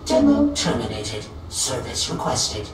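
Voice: medium pitch, huge pitch swings, a little slow, over a noisy crowd. An actor voicing a chatty, malfunctioning navigation robot in a video game, booting up and shutting down in a formal, salesy announcer tone. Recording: very echoey, distant game audio with music. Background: game music.

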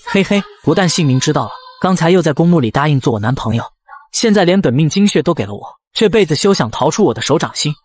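A man's voice: fairly high pitch, lively intonation, fast, slight background noise, natural voice. A man voicing a coy, taunting young female ghost who teases her prey in a comic storybook tale. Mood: smug. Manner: coy, taunting, playfully menacing.

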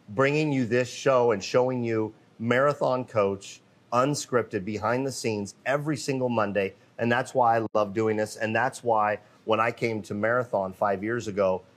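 A man hosting a live, unscripted company walkthrough in an indoor cabinet workshop. He speaks off the cuff into a handheld microphone, with many fillers and restarts. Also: lowish voice. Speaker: host of a live company show.

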